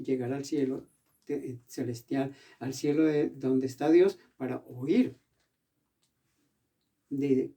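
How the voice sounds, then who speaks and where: Dark-voiced man preaching a sermon. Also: a little high, far from the mic. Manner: preaching with emphatic bursts, slowing to read scripture.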